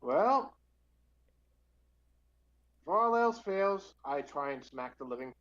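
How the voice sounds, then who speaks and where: A man's voice: fairly high pitch, sing-song, takes it slowly, fairly bright tone, dull audio. A man in a tabletop game, eagerly calling out his rolls and attacks. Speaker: player. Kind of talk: casual tabletop game chat.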